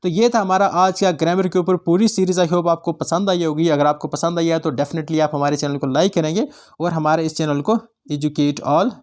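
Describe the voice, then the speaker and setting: His pitch fairly high and his intonation fairly even, a man from Jammu and Kashmir talks at normal speed with hardly any pauses. He's teaching exam-prep grammar on an online class channel, repeatedly asking check questions and restating definitions for memorization.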